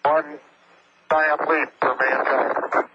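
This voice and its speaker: A man's voice: a little high, flat delivery, extremely slow. A man making terse, matter-of-fact callouts over a crackly space radio transmission, heard from an archival recording. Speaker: astronaut on mission radio. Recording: muffled, noisy archival radio feed.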